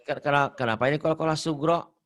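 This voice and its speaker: A man's voice: fairly high pitch, fast talker, a bit bright. A man teaching Quran recitation rules in a casual online lesson, joking, repeating himself and chanting verses as he goes. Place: online video call.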